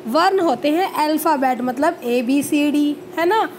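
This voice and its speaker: A woman teacher with an Indian accent speaks to young children in a high voice, slowly sounding out each letter. She asks the class questions and then answers them herself, repeating every word patiently. A faint hiss of noise sits behind her voice. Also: lively intonation, darkish tone. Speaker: school teacher.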